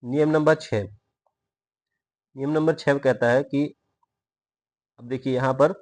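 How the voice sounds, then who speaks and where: Slow, methodical male grammar teacher. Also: mid-range voice, fairly even intonation. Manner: slow, explains step by step and asks himself questions; draws out example words to show pronunciation. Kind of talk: recorded video lesson.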